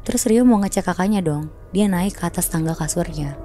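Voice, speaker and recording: A woman's voice: fairly low pitch, a little fast, mellow, a little hiss or hum. A woman casually telling a horror story on a podcast, chatty and slangy, acting out sounds.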